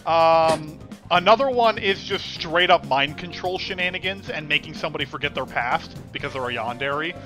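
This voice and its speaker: A man's voice: on the high side, moderate pace, hardly any pauses, bright, forceful tone, faint music behind. A young man with a lisp, co-hosting a let's play in crude, sarcastic casual gaming chat. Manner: crude, sarcastic banter with frequent swearing.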